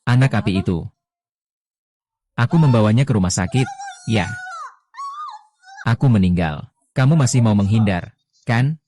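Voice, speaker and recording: Male dub reader with a deep, warm tone, voicing every role in one even delivery. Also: normal speed, long pauses, a little hiss or hum. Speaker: dub voice reading all parts. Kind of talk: flat dubbed drama dialogue.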